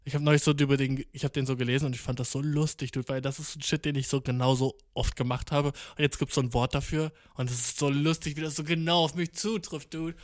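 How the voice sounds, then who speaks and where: Young guy, casual vlog rant, slang-heavy, ironic, a bit higher voice, dry close mic. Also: flat delivery, fast talker, few pauses, dry recording. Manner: slangy, ironic, rambling, mixes English words. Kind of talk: casual monologue to camera.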